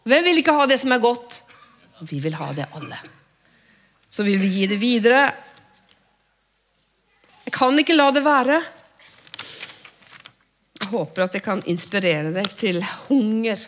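A woman preaching a sermon and praying aloud, fervent, swinging between loud exhortation and hushed whispers. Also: medium pitch, expressive, long pauses. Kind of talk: sermon with spoken prayer. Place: church.

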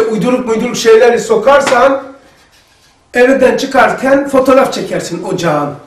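Male religious teacher, high voice, lively storyteller, roomy sound from off-mic. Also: far from the mic. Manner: lively storytelling, acting out dialogue. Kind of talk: religious lesson to a group. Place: lesson room.

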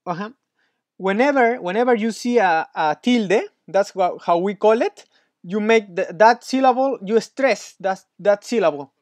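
A man's voice: sits high, normal speed, dry recording. A man tutoring Spanish one-on-one, patient and encouraging, praising often, with slightly non-native English phrasing. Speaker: Spanish teacher.

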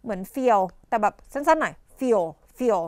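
A woman teacher explaining English idioms in a televised tutoring lesson, coughing now and then and dotting her talk with polite fillers and quick questions to the class. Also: on the high side, expressive, darkish tone, no room sound. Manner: coughs and clears her throat often.

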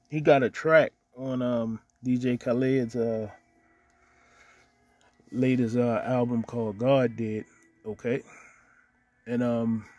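An online preacher offers casual religious commentary on the news over a screen recording, reading scripture aloud and tagging nearly every point with "okay?". He has a mid-range voice with a darkish tone and a breathy edge.

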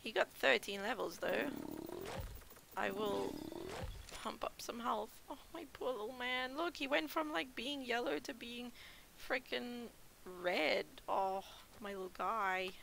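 A woman chats through her gameplay as a YouTuber, her voice bright with a gravelly edge. She panics easily, repeats herself in bursts and laughs nervously. A faint hiss of noise sits behind her desk mic. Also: fairly high pitch, slow, long pauses. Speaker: gaming YouTuber. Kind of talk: casual gameplay commentary.

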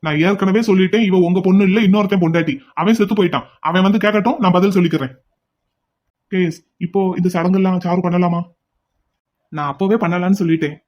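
A man voicing a headstrong young man, fast and high. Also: fairly even intonation, close to an everyday voice. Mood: defiant. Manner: forceful, insistent. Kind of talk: cartoon drama dubbing.

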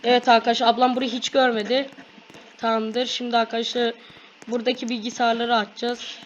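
A woman hosting a gaming video, giving excited play-by-play to her viewers and shouting quick commands during fights. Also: on the high side, dull audio. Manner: addresses viewers constantly. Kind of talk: excited gameplay commentary. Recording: loud background noise.

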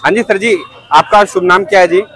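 A man with a rather high voice hosts a market video, politely asking questions and nodding along with short acknowledgements. He is recorded at an outdoor street market. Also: fairly even intonation, fairly quick, a bit bright. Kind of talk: street interview.

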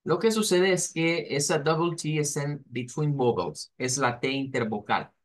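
A man teaching an online English pronunciation class, explaining in Spanish and slowly modelling English words and sentences. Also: fairly high pitch.

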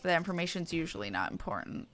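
A woman streams herself playing an online fantasy game, chatting casually and muttering to herself as live commentary. Her lowish voice is a bit bright, swinging widely in pitch at a fairly quick pace, over slight background noise.

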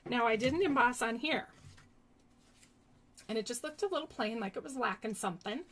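Her voice fairly high and fairly bright, slightly rough, and at normal speed, a woman chats casually through a card-making tutorial. She giggles and talks to her audience as "you guys," treating them as friends.

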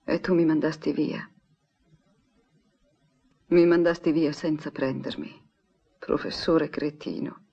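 A woman's voice: sits low, fairly even intonation, slow, gravelly, pauses often, mellow, breathy edge, heavily acted. A woman playing a troubled young woman who pours out her longing for an absent professor in an intimate, anguished way. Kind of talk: 1960s Italian film dub. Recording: dull lo-fi film soundtrack.

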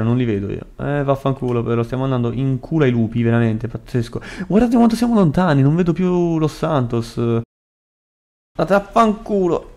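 A young man with a Florentine Italian accent giving casual gameplay commentary, excitable and swearing a lot. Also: medium pitch. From Italy. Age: young adult. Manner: excitable, swears a lot, shrieks when startled. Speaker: gaming youtuber.

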